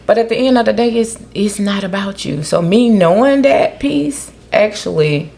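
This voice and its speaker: Lively woman podcast host. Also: medium pitch, normal speed, vocal fry. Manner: animated, questioning, often quotes others in a raised voice. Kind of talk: casual chat.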